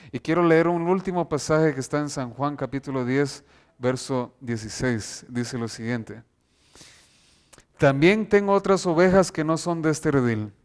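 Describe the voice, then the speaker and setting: This earnest preacher has a voice on the high side; he reads scripture aloud from slides and slows his delivery whenever a key verse needs emphasis.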